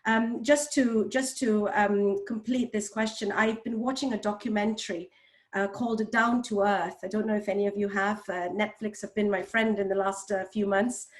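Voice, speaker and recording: A woman's voice: medium pitch, fairly even intonation, normal speed. A woman speaking on a video call panel in a hesitant way, with many fillers. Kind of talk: panel discussion.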